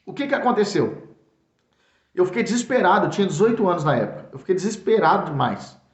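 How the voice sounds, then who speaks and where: A man's voice: high-pitched, animated, fast. A man with a São Paulo Brazilian accent preaching earnestly, repeating his words and stumbling over fillers as he calls the listener brother. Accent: Brazilian Portuguese, São Paulo. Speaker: pastor, Bible teacher. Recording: echoey room, dull lo-fi sound.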